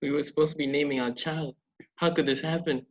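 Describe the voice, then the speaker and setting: A very quick, muffled lo-fi voice plays a worried new mother acted by a man in a medical role-play. The questions come plainly and anxiously. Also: on the high side, fairly even intonation. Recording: dull, muffled lo-fi microphone.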